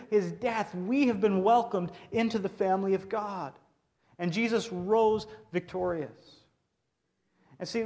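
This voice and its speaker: Earnest male pastor preaching. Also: darkish tone. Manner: earnest, rises in pitch and force when reading scripture; repeats words and restarts phrases. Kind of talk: sermon.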